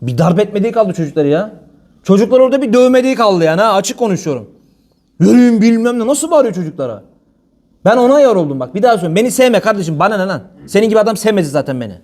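Fast-talking high-voiced preacher man. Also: very animated, a little mellow. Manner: blunt colloquial speech mixed with religious phrases. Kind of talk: informal religious talk.

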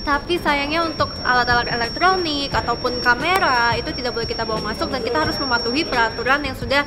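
A woman's voice: high voice, quick pace. A young woman hosting an event vlog in a bubbly way, mixing English words into her speech. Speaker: event host. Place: outdoors and in a factory hall. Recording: loud music and crowd behind.

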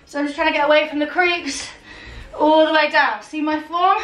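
A woman's voice: high voice, fairly even intonation, normal speed, fairly bright tone. A young adult woman leading a home workout as a fitness coach, urging people on in short, commanding, motivating calls and countdowns. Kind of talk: workout instruction with countdowns and cheering on. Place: small home living and dining room. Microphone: camera a few metres away. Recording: roomy, distant mic, music underneath.

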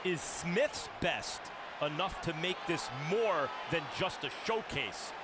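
A man giving measured broadcast commentary on a boxing match. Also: fairly high pitch, animated. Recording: very loud arena noise behind.

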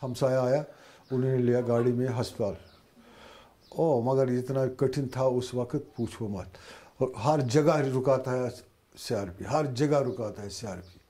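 An older Kashmiri man in his seventies speaks in a mellow, warm tone at a middling pitch. His talk is halting and plain, full of short repeated phrases as he recounts events for a news interview. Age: 70s. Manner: halting, repetitive, plain-spoken. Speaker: shopkeeper telling of his injury.

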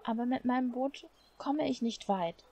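A woman's voice: normal speed, warm tone. A woman voicing a stubborn, eager young girl in a game, speaking earnestly in a raised voice. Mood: defiant. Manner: earnest, pleading, raised pitch. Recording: faint music behind.

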